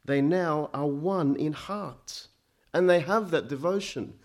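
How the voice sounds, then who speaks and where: A man born in Egypt preaching a sermon. He speaks emphatically, climbs to loud peaks and drops low, and often stammers into restarts. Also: slow pace.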